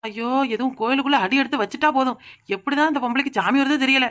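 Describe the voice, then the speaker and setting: A woman voicing a sharp-tongued young village woman in a cartoon comedy, sarcastic and irreverent, with a Kanyakumari Tamil accent. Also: high voice, very fast. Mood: scared. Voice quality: sarcastic, mouthy.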